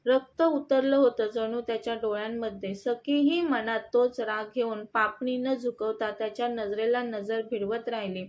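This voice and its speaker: A woman reading a romantic audio story as the narrator, in a steady, plain manner. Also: a little high, moderate pace, few pauses.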